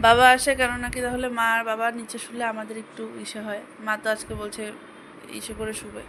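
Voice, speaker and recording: Chatty high-voiced Bengali mother vlogging. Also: flat delivery, brisk, background noise. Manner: chatty, rambling, switches to soft talk. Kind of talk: casual daily vlog narration.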